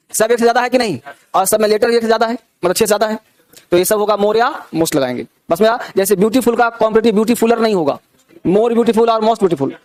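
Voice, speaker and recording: High-voiced man teaching a grammar class. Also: darkish tone. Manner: repeats questions to check understanding; drills examples slowly word by word.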